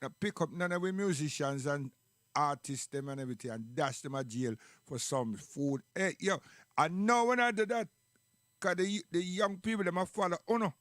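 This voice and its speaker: A man's voice: on the high side, normal speed, a bit bright, dry recording, clean studio sound. A man with a Caribbean accent chatting casually in Rastafarian speech, emphatic and full of rhetorical questions. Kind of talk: casual chat and commentary.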